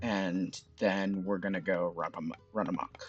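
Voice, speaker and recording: A man's voice: low-pitched, fairly even intonation, measured pace, lo-fi sound, over music. Offhand man doing gameplay commentary. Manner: offhand, rambling with fillers.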